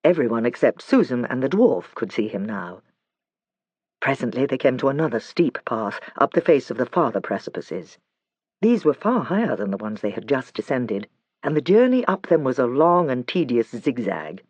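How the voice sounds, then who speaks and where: A man narrating a storybook with a lively, rising-and-falling pitch and measured pacing. The read is close and dry, with a slightly dull, muffled tone. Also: no room sound. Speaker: audiobook narrator. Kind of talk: scripted narration.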